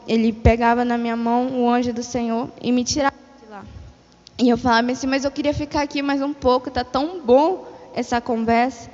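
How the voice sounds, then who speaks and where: A woman's voice: fairly high pitch, darkish tone. Woman telling her vision at church, keeps saying "he said like this", muffled lo-fi mic, big hall echo. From Brazil. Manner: storytelling, retelling dialogue with repeated "he said like this". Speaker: church member giving testimony. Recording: dull lo-fi sound in a reverberant church hall.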